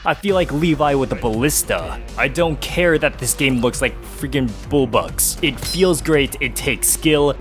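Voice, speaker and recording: A young man narrates a casual video essay about games over background music. His voice sits at an average pitch, and his delivery is wry and slangy, like a reviewer joking with viewers.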